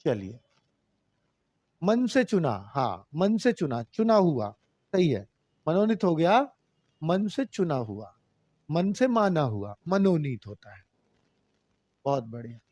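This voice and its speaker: A man's voice: fairly high pitch, big pitch swings, slow, pauses often, darkish tone, dry recording. A man teaching Hindi grammar in a live online class, patiently repeating rules and addressing students as children.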